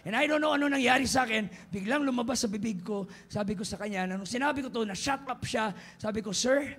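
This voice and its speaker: A Filipino man preaching a fervent sermon in a church, often rising to shouted exhortation. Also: very high voice, fast, slightly rough. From Philippines.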